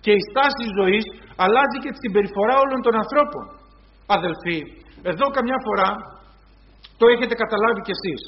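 A high-pitched man delivers a sermon, often turning to his listeners as brothers and acting out little dialogues as he speaks. The recording sounds dull and lo-fi. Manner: retells scenes in quoted voices, addresses congregation as brothers. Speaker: preacher.

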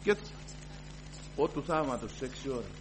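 A man giving a fervent personal testimony to a congregation, moving from hushed storytelling to loud declarations. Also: medium pitch, expressive, a little hiss or hum, poor audio. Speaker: church member giving testimony.

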